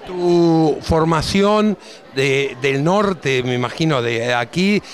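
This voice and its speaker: A middle-aged Argentine man hosts a local TV segment with a handheld mic. His voice sits a bit higher than most men's. He keeps his guests talking with friendly, prompting questions. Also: expressive, slow, a faint crowd. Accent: Argentine Spanish. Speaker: TV interviewer. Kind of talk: local TV interview.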